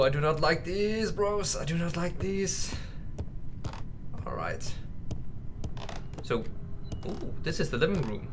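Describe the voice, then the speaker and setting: Playing a horror game, a man chats nervously and casually to his viewers, addressing them as bros and mate. His slightly high voice sounds pushed and bright, with game ambience clearly in the background.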